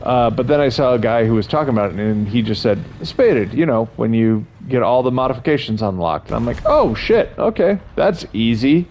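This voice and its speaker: Talking fairly quickly with few pauses, this young streamer keeps up casual gameplay commentary for his chat, rambling and laughing at himself. His voice sits at medium pitch, animated and a little mellow. Faint game noise comes through a slightly dull recording.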